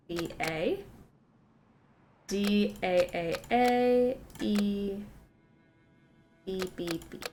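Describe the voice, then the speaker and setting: A woman streaming a game, chatting casually with viewers, giggling often and apologizing in quick asides. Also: mid-range voice, slight background noise.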